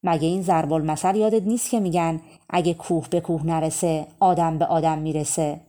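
A woman's voice: low-pitched, steady tone, warm tone, close to an everyday voice. A woman voicing a pleading wild bird. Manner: pleading, earnest. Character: wild birds, pleading mother creatures.

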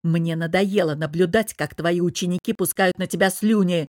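A woman's voice: on the low side, steady tone, normal speed, dry recording, studio quality, lightly acted. A woman voicing an angry, domineering, jealous young businessman husband who growls and barks his words. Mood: angry shouting. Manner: growling, barking, hissing through teeth.

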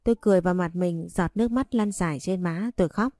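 A woman narrating a romance story in the first person, reading in an even, unhurried way. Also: fairly low pitch, no echo.

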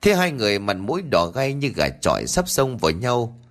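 A man's voice: medium pitch, wildly swooping pitch, normal speed, fairly bright tone, soft background music. A man narrating a ghost story as an audiobook reader.

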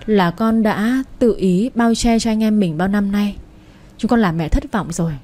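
A woman's voice: medium pitch, moderate pace, warm tone, natural voice. A woman voicing a grown son who submits humbly to his mother, speaking apologetically. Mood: contrite.

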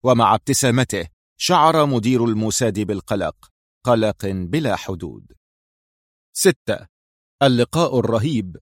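Low-voiced man narrating a thriller. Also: moderate pace, no echo, studio quality. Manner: steady storytelling. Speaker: audiobook narrator. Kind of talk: scripted narration.

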